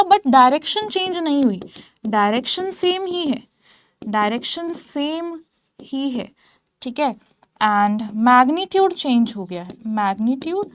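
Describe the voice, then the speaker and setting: A woman teaches physics at a whiteboard in mixed Hindi and English, working step by step and frequently checking that listeners are following. Her voice is high, and the recording is dry with clean studio sound.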